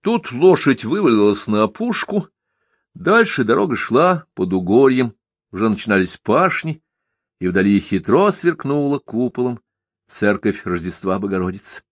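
A man narrating a historical novel as an audiobook in an even storytelling manner. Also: mid-range voice, normal speed, no echo, studio quality.

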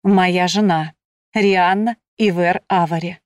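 A woman's voice: on the low side, steady tone, slow, no echo, studio quality. A woman voicing a polite, eager young nobleman in an audiobook.

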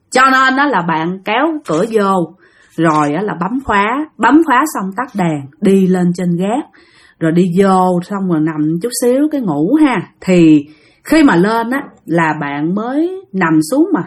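A woman's voice: mid-range voice, lively intonation, moderate pace. A woman telling a ghost story in a chatty manner, speaking directly to her listeners. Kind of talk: spoken ghost story narration.

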